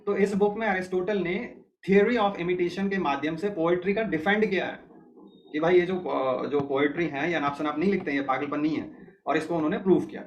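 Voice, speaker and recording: Higher-voiced man teaching an online class. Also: brisk, muffled recording. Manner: explains step by step, keeps checking students follow.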